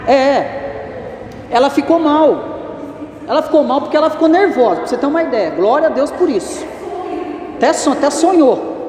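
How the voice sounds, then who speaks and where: A male evangelist giving an animated, conversational teaching sermon, speaking directly to his congregation in a church hall. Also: very high-pitched, a little fast, a crowd in the background. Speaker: evangelist preaching. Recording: roomy echoing church reverb.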